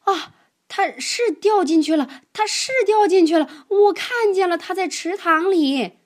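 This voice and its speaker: Storybook herd elephant, gullible, shrill and excitable; a woman does the voice. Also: unhurried, exaggerated voice. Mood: excited.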